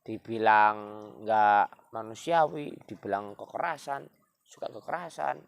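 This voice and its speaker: Chatty storyteller, gravelly voice. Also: male voice, lowish voice, lively intonation, a little slow, no room sound. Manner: chatty, loose, with asides. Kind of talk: casual storytelling for kids.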